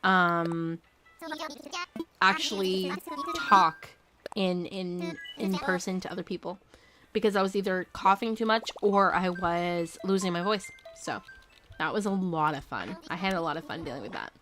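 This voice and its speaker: With game music playing behind her, a young woman chats casually on a gaming live stream, her lowish voice measured in pace and still a little hoarse. She rambles, leans on fillers, and breaks into excited squeals.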